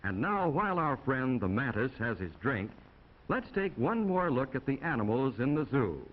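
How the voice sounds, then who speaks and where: This American man's medium-pitched, sing-song voice moves at a moderate pace as he narrates a 1950s classroom film. He's folksy and instructive, with chatty asides aimed at young viewers, heard on a dull, noisy 1950 film soundtrack.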